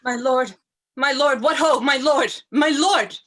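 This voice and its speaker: A woman performs a loyal, outspoken lady's maid in a Shakespeare tragedy reading. The voice is high and sharp with a rough, husky edge. The delivery is fiery and declamatory. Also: animated, unhurried, heavily acted. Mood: urgent. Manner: impassioned, declamatory. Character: loyal, outspoken, fiery maidservant to a murdered lady. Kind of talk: Shakespearean tragedy cold read.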